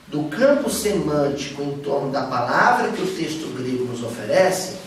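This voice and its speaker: A man's voice: fairly high pitch, a little hiss or hum. A man teaching a study group, talking casually and asking his listeners questions. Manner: animated, asks listeners often. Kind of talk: informal teaching talk. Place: study room of a spiritist center. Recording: echoey room from far off.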